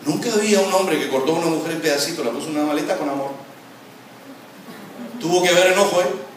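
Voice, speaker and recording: A male pastor preaching an animated sermon with a Latin American Spanish accent, sometimes mimicking quarrelling voices. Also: fairly high pitch, fast talker. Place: church hall. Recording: very echoey hall, from far off, noisy.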